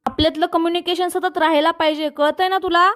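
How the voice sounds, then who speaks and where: A woman's voice: very high voice, fairly even intonation, fast, fairly bright tone, voice pushed up. A bossy male villain, read by a woman. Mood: impatient. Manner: plain quoted delivery within a recap.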